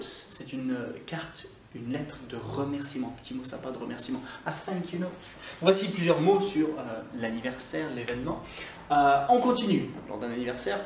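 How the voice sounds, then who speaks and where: A man hosting a video English lesson, upbeat, repeating English words slowly to model pronunciation, recorded by the camera from a few feet away indoors. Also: mid-range voice, a little mellow. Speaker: English teacher and channel host. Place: indoor room, moving in and out of camera frame. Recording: echoey room, voice from a distance, faint background noise.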